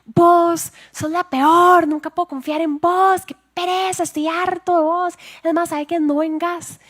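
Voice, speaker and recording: A woman with a Costa Rican accent voicing an angry young boyfriend who yells cutting insults. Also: fairly high pitch, quick pace, lightly acted. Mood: furious. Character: angry young man, a harsh scolding boyfriend.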